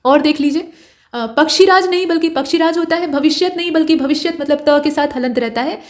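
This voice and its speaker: High-pitched woman teacher doing an exam prep spelling class, explains each correction step by step. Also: fairly quick, darkish tone.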